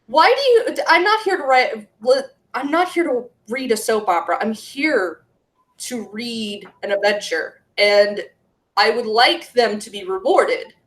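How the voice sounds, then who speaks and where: A woman talks at length as a guest on a podcast. Her voice sits high, and she rambles on in a chatty, ranting way. The recording carries a noticeable room echo. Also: animated, a little slow, a bit bright. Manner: ranting, talkative. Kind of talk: casual chat. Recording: roomy echo.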